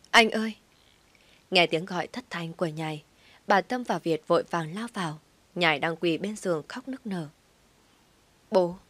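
A woman reading a scripted story aloud with emotional, dramatic delivery and soft whispered passages. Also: on the low side, husky, no echo. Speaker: narrator.

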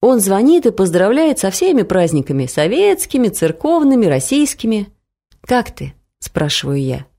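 A middle-aged woman narrating her own humorous stories in a wry, expressive audiobook reading. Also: mid-range voice, moderate pace, hardly any pauses. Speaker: narrator and author.

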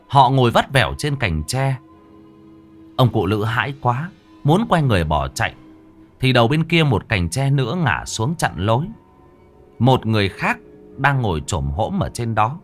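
A man narrating a Vietnamese village ghost story in a vivid, expressive storytelling manner. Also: mid-range voice.

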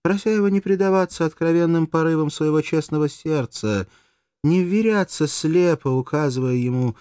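Мужчина озвучивает молодую коварную куртизанку, театрально, с мольбой и надрывом, в аудиокниге. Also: male voice, normal speed, warm tone, no room sound, clean studio sound, natural voice. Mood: wheedling. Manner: shrill, pleading, theatrical. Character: scheming young female courtesan, passionate, manipulative. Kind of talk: audiobook character voice.

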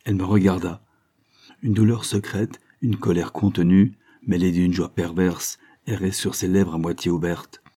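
A man narrating a novel in a steady, measured reading voice. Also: deep voice. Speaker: audiobook narrator.

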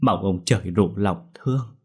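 A man's voice: sits low, unhurried, breathy edge, heavily acted. A man voicing a grieving old grandmother in an audio ghost story, wailing and pleading.

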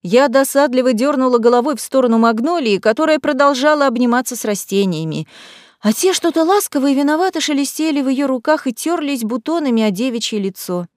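Expressive woman narrating an audiobook. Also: high-pitched, brisk, no room sound, clean studio sound. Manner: lively expressive reading with voiced quotes. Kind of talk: first-person audiobook narration.

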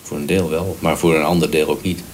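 A man being interviewed, answering in a hesitant, halting way. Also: very deep voice, steady tone, slight background noise. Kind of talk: casual interview.

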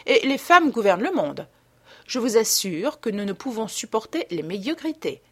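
Witty teasing duchess, voiced by a woman, lively lilt, breathy tone, storybook reading. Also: a little high, moderate pace. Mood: arch. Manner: playful, arch, bright teasing lilt. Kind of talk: audiobook character reading.

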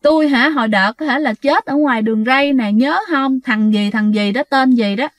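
A woman's voice: high-pitched, moderate pace, no room sound, lightly acted. A woman voicing the ghost of a man killed by a train, who pleads and bargains. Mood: bargaining.

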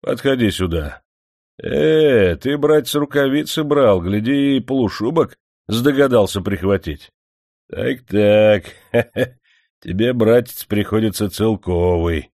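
A man with a low-leaning, animated, slightly mellow voice reads an audiobook slowly, in clean, dry studio sound. He voices a pompous, greedy factory manager of sanctimonious, hypocritical piety who scornfully scolds and mocks the workers.

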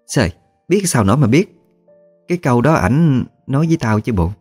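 A gruff old grandmother ghost, put on by a male storyteller. She talks bluntly and scolds in plain rustic words, her voice lifted well above his own, over soft music. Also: medium pitch, big pitch swings, moderate pace, voice pushed up. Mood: teasing.

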